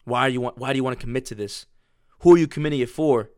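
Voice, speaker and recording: A man's voice: mid-range voice, very fast, a little mellow, no room sound, studio quality. Blunt, profane male motivational speaker. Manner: blunt, profane, pushy, repeats himself. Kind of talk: profane motivational pep talk.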